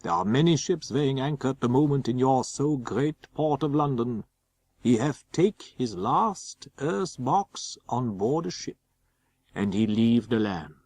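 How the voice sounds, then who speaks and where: A man playing a grave elderly foreign professor, speaking earnest, deliberate broken English in a gravelly voice. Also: medium pitch, a little mellow, full character voice.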